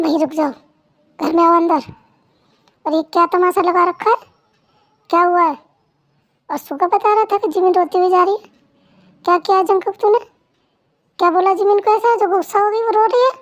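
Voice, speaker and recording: A woman's voice: very high-pitched, fairly even intonation, normal speed, long pauses. A woman voicing a stern elder brother who scolds and lectures the family, in a Hindi fan dub. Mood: angry.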